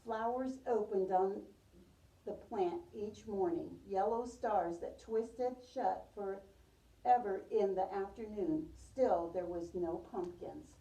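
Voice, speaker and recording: Mellow and unhurried, a woman with a mid-range voice reads a picture book to a preschool class as a teacher. She poses questions during storytime and repeats the children's answers to affirm them. The mic is distant, giving a roomy sound.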